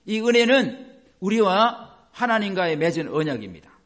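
A man's voice: high-pitched, big pitch swings, normal speed, a bit bright. A man preaching a sermon as a pastor, explaining by asking the congregation questions and acting out quoted voices.

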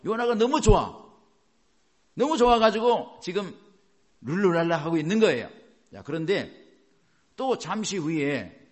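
A man preaching a sermon in an animated way, asking rhetorical questions and chuckling as he goes. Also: high-pitched. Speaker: pastor.

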